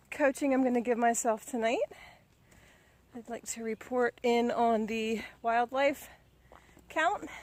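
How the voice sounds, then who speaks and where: A middle-aged woman giving a relaxed, chatty, self-encouraging training update on a ride outdoors. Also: a little high. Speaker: vlogger. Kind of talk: casual spoken training update.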